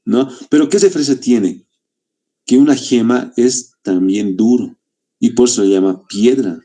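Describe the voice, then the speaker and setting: A man from Bolivia teaches a literature class in a relaxed, mellow voice at a middling pitch. He explains patiently, stretching out key words and checking in with a quick "¿no?" after almost every point. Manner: explains with rhetorical questions and frequent "¿no?". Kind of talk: literature lesson for exam applicants.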